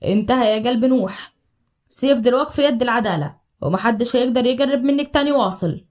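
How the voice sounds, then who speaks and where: A woman voicing a devoted young husband from Upper Egypt in a storybook drama, speaking in a low, earnest Upper Egyptian accent. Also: fast talker, darkish tone, close to an everyday voice. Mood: tender. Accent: Upper Egyptian Arabic. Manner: low, earnest, tender declarations.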